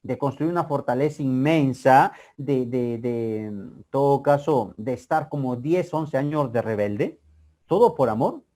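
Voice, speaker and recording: A man's voice: medium pitch, expressive, unhurried, mellow, lightly acted. A male teacher voicing an angry young Inca ruler who scolds with indignant questions. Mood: curious.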